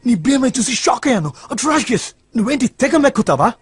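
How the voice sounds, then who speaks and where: A man's voice: very high-pitched, sing-song, fast talker, breathy edge, no room sound, heavily acted. An actor playing a rude, cocky young man who teases and insults his date in a dubbed film comedy, mixing in English. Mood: mocking. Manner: mocking, teasing, mixing in English.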